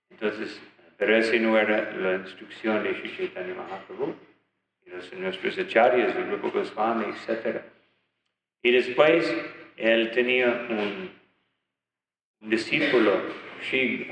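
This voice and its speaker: A man giving a religious talk, retelling stories of teachers in a halting way with many fillers and restarts. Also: fairly low pitch, a little hiss or hum. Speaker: spiritual teacher. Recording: echoey hall, dull lo-fi sound.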